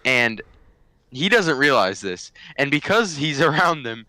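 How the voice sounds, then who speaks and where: A young man co-hosts a casual podcast. He delivers quick quips with a lively, swinging pitch and a bright, forceful tone. The sound is dry and close. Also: dry recording, rough recording. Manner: quick quips, laughs often. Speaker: podcast co-host.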